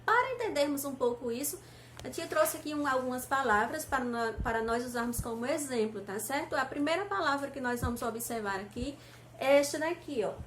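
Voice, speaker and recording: A woman teacher with a Brazilian Portuguese accent, giving a recorded lesson to young children, patient and repeating each point, sounding out syllables slowly. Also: high voice, lively intonation. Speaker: primary school teacher. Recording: echoey room, faint noise.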